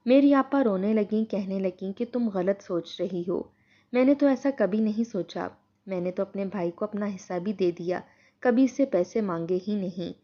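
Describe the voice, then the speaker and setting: A woman narrating a first-person moral story in a steady, earnest storytelling tone. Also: medium pitch, muffled recording.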